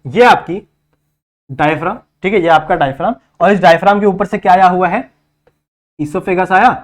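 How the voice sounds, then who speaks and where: A man's voice: sits high, normal speed. A man tutoring biology, drawing a diagram and repeating each term back as a question, checking in with students often. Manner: checks in often with "thik hai". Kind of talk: whiteboard lecture in Hindi-English mix.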